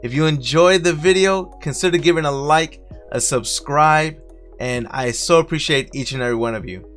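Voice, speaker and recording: A man with a Brooklyn accent hosts a relaxed how-to for streamers. His voice sits a bit high, and his tone is friendly and chatty as he explains each step. Soft music plays quietly behind him. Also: normal speed. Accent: Brooklyn New York. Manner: friendly, talks viewers through each click. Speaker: streaming tutorial host. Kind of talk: casual step-by-step software tutorial.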